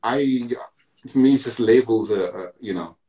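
A British man of Barbadian heritage, a musician, talks reflectively as an interview guest over a video call from a room at home. His mid-range voice has a dark tone and moves at normal speed, and he often restarts and leans on "you know."

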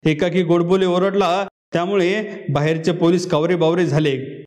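A man reading a short story aloud in a steady, expressive voice. His voice sits high for a man. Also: normal speed.

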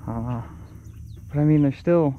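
A young man films his fishing trip from a small boat on open water, chatting and exclaiming excitedly as he fights a catch. His voice sits on the high side with a measured pace, and the sound has a phone-quality feel.

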